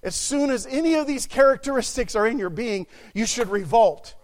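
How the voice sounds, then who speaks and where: A man preaching a sermon to a church, swinging from quiet asides to loud exclamations. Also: very high voice, expressive, normal speed.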